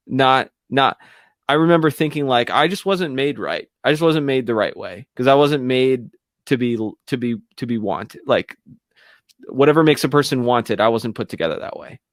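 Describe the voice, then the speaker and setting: A man who is a radio show guest, telling a personal story in a halting, candid way with many restarts. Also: mid-range voice, no echo, clean studio sound.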